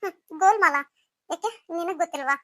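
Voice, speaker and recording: Brief: woman as scheming rival, mocking and flirtatious, high bright voice. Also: fast, no echo. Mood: taunting. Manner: mocking, teasing delivery. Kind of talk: melodramatic audio story acting.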